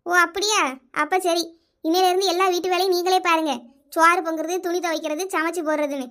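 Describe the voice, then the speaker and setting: Shrill, quick-talking housewife, as a woman plays her, indignant, comic skit. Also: flat delivery, a bit bright. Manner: shrill, quick, arguing back. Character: indignant village housewife defending her cooking. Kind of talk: comic village skit acting.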